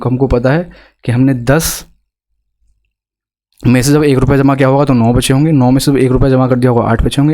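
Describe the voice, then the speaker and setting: A man's voice: mid-range voice, darkish tone. A male math teacher with an Indian accent, explaining exam problems step by step and asking students rhetorical questions. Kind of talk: exam-prep math lesson.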